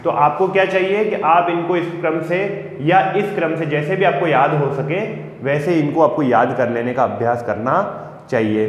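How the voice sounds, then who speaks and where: A man teaching a grammar lesson for a school video, reciting word forms slowly and patiently. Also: on the high side, muffled recording. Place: classroom. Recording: echoey room with long reverb.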